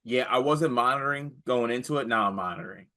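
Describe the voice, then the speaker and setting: A man's voice: medium pitch, fast talker, pushed and bright. An American man co-hosting a casual sports chat, conversational and wry, often repeating phrases for effect. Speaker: sports podcast co-host.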